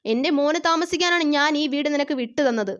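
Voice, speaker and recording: A woman's voice: high voice, fast talker, dull audio, close to an everyday voice. Woman reading a stern estranged husband.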